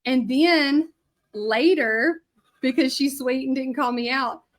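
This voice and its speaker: A woman's voice: high-pitched, takes it slowly. A woman in her thirties from Louisiana with a Southern accent, chatting to livestream viewers while teaching hand lettering. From Louisiana, USA. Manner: chatty, bubbly, talks to viewers while working. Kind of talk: casual livestream chat while demonstrating.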